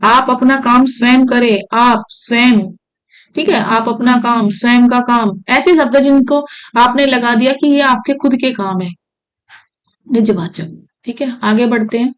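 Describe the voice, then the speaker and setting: A woman's voice: on the high side, fairly even intonation, measured pace, rough recording. A woman teaching Hindi grammar for exam prep, checking in with her students as she explains. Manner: repeats "ठीक है" often, asks students questions.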